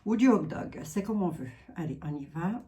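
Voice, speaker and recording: A woman's voice: fairly low pitch, animated, normal speed, dark tone. A French-speaking woman doing a card reading, chatting casually with her viewers and filling her talk with asides. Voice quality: chatty, talks to viewers, many asides and "hein". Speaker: card reader.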